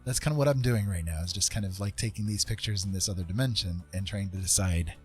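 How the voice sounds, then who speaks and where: A man with a low voice talks fast while livestreaming his painting, rambling casually and thinking aloud in a self-deprecating way. Music plays in the background of the recording.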